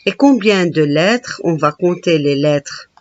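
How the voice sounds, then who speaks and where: A woman teaching a reading lesson, slowly splitting words into syllables and patiently counting letters with her pupils. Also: deep voice, expressive, a little mellow, dry recording, highs cut off.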